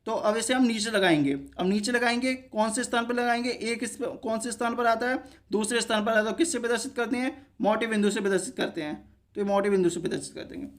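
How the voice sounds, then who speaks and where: A man's voice: sits high, fairly bright tone. A man teaching a shorthand lesson, explaining each step by asking himself short questions and answering them, and often stopping to check that viewers follow.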